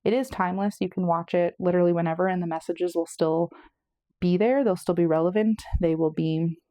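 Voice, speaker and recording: Mellow, low-voiced woman tarot reader. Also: fairly even intonation, fairly quick, no echo, clean studio sound. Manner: chatty, meandering, self-correcting. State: slightly out of breath. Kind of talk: casual pick-a-card tarot reading.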